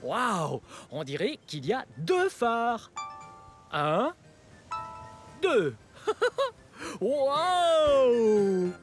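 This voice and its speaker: A playful adult presenter of a children's show, excitable, cheerful and wide-eyed, uses a mid-range voice to teach young children very unhurriedly. Amazed and excited, the host exclaims with hugely animated intonation, exaggerated wonder, simple explanations, and frequent giggles and gasps, backed by music.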